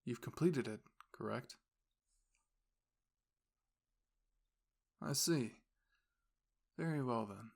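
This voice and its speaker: A man with a medium-pitched, gravelly voice plays a composed, formal young university student and caring boyfriend in an audio roleplay. He speaks intimately and calmly to the listener, his phrasing measured, formal, and gently reassuring.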